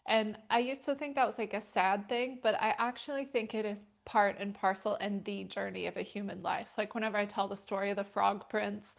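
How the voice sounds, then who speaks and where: A woman's voice: mid-range voice, fairly even intonation, fairly quick, creaky, few pauses. A middle-aged woman teaching a yoga class and telling stories, talking casually and rambling with many fillers. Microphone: wearing a microphone.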